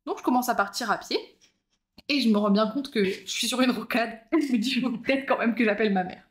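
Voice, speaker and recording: A young woman tells a story in relaxed podcast chat, with a voice that sits a little high. She slips into the people she quotes and keeps the telling animated. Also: brisk. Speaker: podcast co-host.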